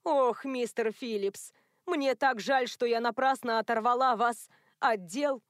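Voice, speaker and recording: A woman's voice: fairly high pitch, measured pace, dry recording, clean studio sound, natural voice. A woman voicing a fussy, fretful housekeeper woman in an audiobook. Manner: fretful, effusive. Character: fussy fretful woman who keeps house at a police station.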